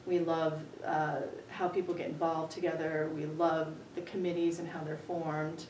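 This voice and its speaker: A woman in her forties from New Hampshire answers interview questions in an earnest, measured way. Her fairly low voice echoes around a library room and sits well back from the microphone. A faint hum runs under the recording. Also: flat delivery, a little mellow, distant mic. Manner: earnest, measured, with many ums. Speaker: town budget committee candidate. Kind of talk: local candidate interview.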